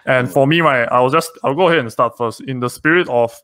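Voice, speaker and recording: A man's voice: medium pitch, brisk, a bit bright, no echo. A Singaporean man hosting a casual group talk, explaining things in a conversational way. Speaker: host.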